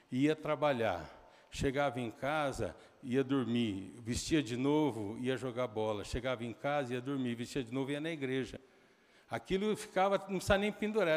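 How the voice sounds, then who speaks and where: Brazilian pastor preaching in a reverberant hall. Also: male voice, medium pitch. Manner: conversational storytelling, quick asides to the audience. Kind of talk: sermon. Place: church.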